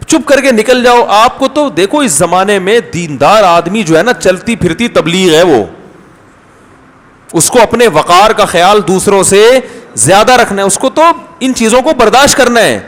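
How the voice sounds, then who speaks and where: A man giving a conversational religious lecture, telling stories and acting out the people he quotes. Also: high voice. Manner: storytelling, animated, acts out quoted people. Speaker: Islamic scholar giving a talk. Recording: long hall reverb.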